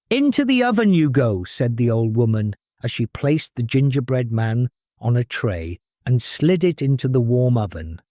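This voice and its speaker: A man reading a fairy tale aloud for children as a storyteller, in a measured, expressive storybook manner. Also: mid-range voice, dry recording, studio quality.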